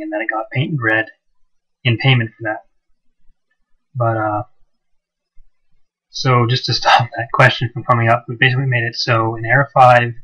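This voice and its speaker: A man's voice: medium pitch, breathy edge. A man narrating gameplay casually over an old cheap microphone, his voice muffled and hollow as if from the bottom of a well, with frequent "uh"s and restarts. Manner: relaxed, with frequent "uh" and loose restarts. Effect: muffled hollow sound, like talking from the bottom of a well. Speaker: game mod developer.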